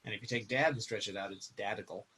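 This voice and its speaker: A man's voice: lowish voice, fast talker, sharp tone, slightly rough. A middle-aged man chatting casually as a podcast guest, rambling and laughing often. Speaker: guest musician. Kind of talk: casual interview chat.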